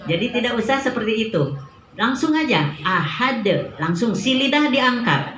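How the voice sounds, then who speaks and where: A middle-aged woman teaching Quran recitation rules to a women's study group, patiently demonstrating readings slowly and chuckling often. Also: fairly high pitch, very animated, fairly bright tone, a little hiss or hum. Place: study-group room indoors. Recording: echoey room.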